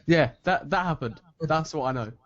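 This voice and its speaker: A man's voice: a little high, normal speed, no room sound, dull audio. A man with an English accent in casual gaming podcast chat, rambling and hesitant with laughing asides.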